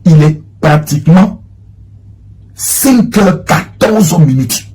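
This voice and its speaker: A man giving rambling, animated commentary to viewers, repeating himself as he searches for things. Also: a little high, slow pace, husky. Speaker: online commentator. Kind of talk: livestream commentary reading chat screenshots.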